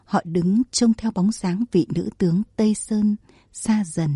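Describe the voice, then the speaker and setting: A woman narrating a historical story in a measured, dramatic storytelling manner. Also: mid-range voice, mellow, breathy edge, no echo. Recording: dry close recording with faint music.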